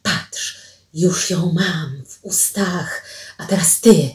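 A strange young maiden murmurs in a breathy, coaxing way, slow and mellow, as a woman gives her voice. She sounds far from the mic in a roomy space. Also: lowish voice. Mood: dreamy.

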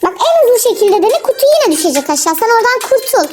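A young mother giving casual gameplay commentary to her viewers, coaching and calming her child with a chatty manner and frequent laughter. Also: very high voice, fast talker. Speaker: mother coaching her child through a game, channel host. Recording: clear game music underneath. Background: game music.

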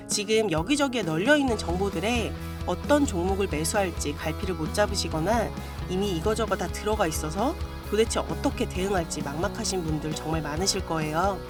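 A woman with a mid-pitched voice narrates over clearly audible background music. She delivers a scripted promotional pitch as a video host, earnest and persuasive as she speaks straight to her viewers.

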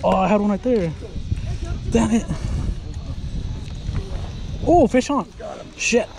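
A man's voice: high-pitched, expressive, takes it slowly. A man in his thirties vlogging while driving and fishing from a pier, rambling and chatty as he talks to his viewers. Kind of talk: casual vlog narration. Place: outdoors, driving then on a waterfront pier. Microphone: action camera. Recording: action camera audio with clear outdoor noise.

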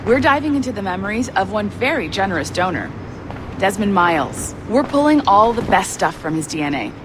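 A woman plays an upbeat young project supervisor in a video game who talks in a brisk, businesslike way. Her voice sits mid-range for a woman, and clear background noise runs under it. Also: medium pitch, very animated, natural voice. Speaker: supervisor character. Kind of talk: scripted video game dialogue.

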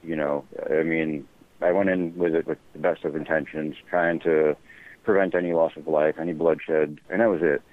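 A man with a very low voice talks over a tinny phone line. He speaks haltingly and defensively, leaning on fillers as he explains himself. He is the call-in guest of a live interview. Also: fairly even intonation.

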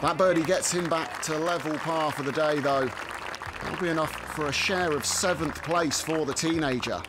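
A man working as a golf commentator, calling highlights of a tournament round. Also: normal speed, a crowd in the background, noisy background.

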